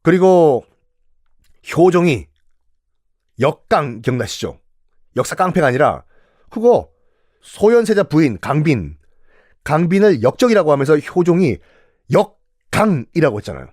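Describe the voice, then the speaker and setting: A man giving a lively storytelling history lecture, acting out quotes and putting questions to his listeners. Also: on the high side, measured pace, long pauses, no room sound, studio quality. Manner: animated, acts out quotes, asks the audience questions.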